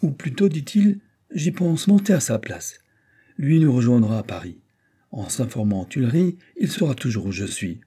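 A man's voice: medium pitch, very animated, moderate pace, dark tone, breathy edge, voice pushed up. A man reading a storybook who voices a kind, courteous young nobleman with a persuading manner. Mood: eager.

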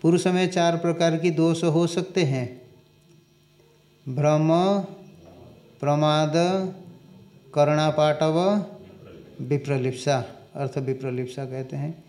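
A man giving a scripture lecture, reciting Sanskrit lines slowly and explaining them, asking questions and answering them himself. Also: a little high, flat delivery, a little mellow. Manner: slow and deliberate, recites Sanskrit and explains it in Hindi. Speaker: Vedanta teacher.

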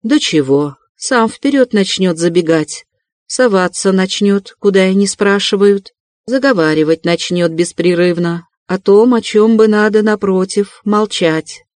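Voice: medium pitch, measured pace, darkish tone, no echo, studio quality, lightly acted. A reader voicing a fussy, ingratiating middle-aged male investigator in an audiobook, wheedling and chuckling. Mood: sly, chuckling. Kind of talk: audiobook character reading.

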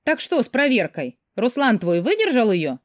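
A woman reading an audiobook, voicing a nosy, insistent older sister with a loud, pushy manner. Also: on the high side, very animated, moderate pace, no echo, studio quality, pitched above the performer's own voice.

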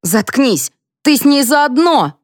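A woman's voice: high voice, big pitch swings, no room sound, clean studio sound, voice pushed up, exaggerated voice. A woman reading a vengeful, screaming middle-aged woman who demands money, in an audiobook. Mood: furious. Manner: screaming, demanding, raised and drawn-out. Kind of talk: audiobook character voice.

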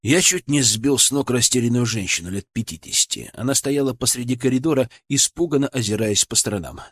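A man's voice: medium pitch, fairly quick, fairly bright tone, slightly rough, dry recording, studio quality. A man narrating a first-person audiobook in a tense, urgent way.

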